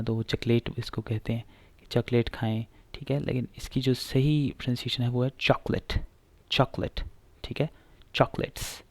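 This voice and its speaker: A man's voice: medium pitch, gravelly, dark tone, no echo. A man teaching pronunciation, explaining patiently and repeating each word several times, with frequent filler sounds.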